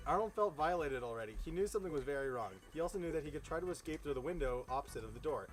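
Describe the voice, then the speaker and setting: Seated outdoors beside a fire, a host reads fan fiction aloud casually, stumbling over words and breaking off into informal, profane asides. His voice is fairly high, animated and very fast.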